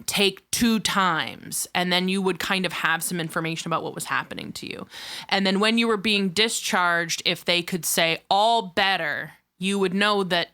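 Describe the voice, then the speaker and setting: A woman's voice: fairly low pitch, steady tone, a little fast, bright, forceful tone. A woman co-hosting a podcast, chatting casually and explaining ideas through step-by-step examples. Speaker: podcast co-host.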